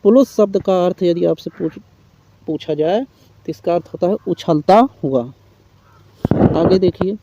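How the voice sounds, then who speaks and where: A man's voice: high voice, mellow, no room sound. A man teaching Hindi grammar in an exam-prep lecture, reading definitions and listing examples step by step. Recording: dull, muffled lo-fi recording.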